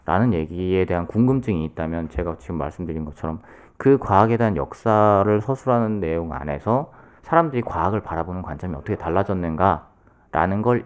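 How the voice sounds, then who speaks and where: A soft-spoken man with a low voice explains a book on a casual podcast. His pitch rises and falls a lot as he builds his points. He talks at length and fills his pauses with "um". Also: smooth. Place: podcast studio.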